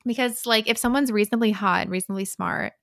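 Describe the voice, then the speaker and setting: Wry woman with a gravelly edge. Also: mid-range voice, a bit bright, dry recording, studio quality. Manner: skeptical, wry, drawn-out musing. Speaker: podcast co-host. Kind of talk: casual book chat.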